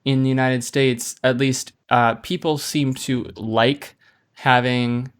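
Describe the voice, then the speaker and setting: A man hosting a podcast, asking relaxed, conversational follow-up questions. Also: medium pitch, slow pace, clear, resonant tone. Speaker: podcast host. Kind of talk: casual interview chat.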